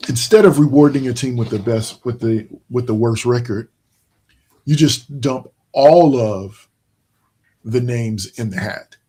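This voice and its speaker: Mellow-voiced man talking sports. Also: mid-range voice, husky. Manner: rambling, many restarts and fillers, slow emphatic points. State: yawning, tired. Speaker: podcast host. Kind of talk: casual sports chat.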